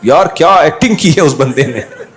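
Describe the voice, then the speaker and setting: A middle-aged man telling anecdotes over a drawing video, animated and acting out other people's lines. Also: on the high side, normal speed. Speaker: drawing channel host.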